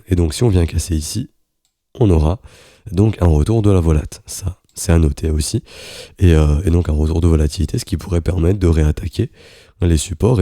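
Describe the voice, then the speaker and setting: A man giving an informal market briefing in a halting way, his voice thick and sick as if with swollen tonsils. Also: very deep voice, dark tone, no room sound, clean studio sound. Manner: halting, searching for words. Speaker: host of a daily crypto trading briefing. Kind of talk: informal spoken market commentary.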